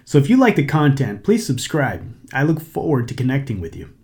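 A man's voice: medium pitch, big pitch swings, brisk, a little mellow. A middle-aged man hosting a solo podcast, talking in a conversational, lightly sarcastic, motivational way. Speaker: podcast host. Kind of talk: casual solo podcast talk.

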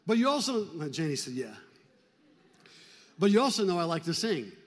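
A male pastor preaching a fervent sermon in a church, urging the congregation to clap and shout. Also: fairly high pitch, sing-song, moderate pace, in a large hall. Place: church sanctuary.

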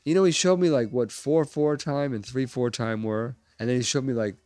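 A man's voice: medium pitch, normal speed, a little mellow, no echo. A man chatting as a drummer guest in a restaurant, rambling with lots of fillers. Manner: rambling, lots of "like" and "you know". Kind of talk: casual interview chat.

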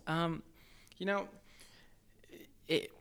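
A young man from Zimbabwe raised in Australia, chatting as a guest in a thoughtful, halting way. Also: on the high side, steady tone, gravelly, a bit bright, slight background noise. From born in Zimbabwe, raised in Australia. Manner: thoughtful, halting, many restarts. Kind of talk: casual podcast chat.

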